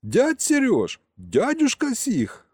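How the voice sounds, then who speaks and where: An indignant young man, put on by a male reader, protests at the top of his voice. The voice jumps high and swings widely, mellow and dry. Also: big pitch swings, normal speed, dry recording. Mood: excited. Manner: shouting, protesting.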